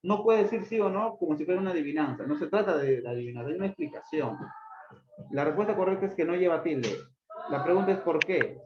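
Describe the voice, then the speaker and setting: In an echoey room, a teacher runs a grammar lesson, calling on students by name, asking the same questions again and again, and scolding them for not going over the book. The voice sits at medium pitch with lively intonation and a fairly quick pace. The sound is dull and lo-fi, with loud background noise.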